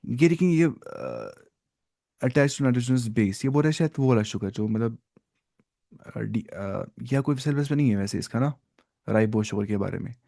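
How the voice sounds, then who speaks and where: A man teaching biology in an online lecture, mixing Hindi and English, slowly explaining and asking questions he answers himself. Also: mid-range voice, sing-song, gravelly, dark tone. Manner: asks the class questions and answers them himself, repeats "ठीक है"; slow, stop-start explaining with fillers.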